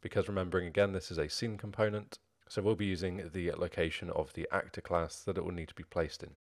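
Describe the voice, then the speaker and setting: A young man narrating a screen-recorded coding tutorial, explaining each step in a steady, methodical way. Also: low-pitched, fast. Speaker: programming tutorial host.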